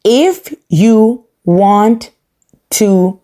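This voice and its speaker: A woman's voice: medium pitch, animated, extremely slow, warm tone. A woman hosting a podcast, giving a casual, opinionated recap with sassy, emphatic repetition. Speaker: podcast host reviewing a reality show.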